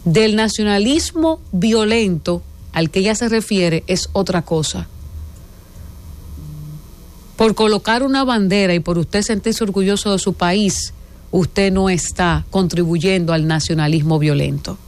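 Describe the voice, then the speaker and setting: A woman from the Dominican Republic with a Dominican accent, giving an emphatic, indignant opinion monologue as a political commentator, stressing her points with deliberate force. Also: mid-range voice, a little mellow. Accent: Dominican Spanish.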